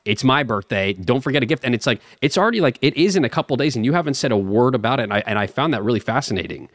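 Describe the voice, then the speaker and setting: In a studio-quality recording with no room sound, a young podcast co-host races through casual banter in an expressive, medium-pitched voice. He's earnest, rambling, and stumbles into stammered restarts.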